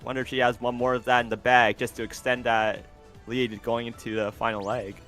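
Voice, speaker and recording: A man casting an online racing tournament, getting loud and excited during the race calls. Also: medium pitch, soft background music. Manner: excitable, rises to loud fast calls at the finish. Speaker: tournament caster. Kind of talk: esports race commentary.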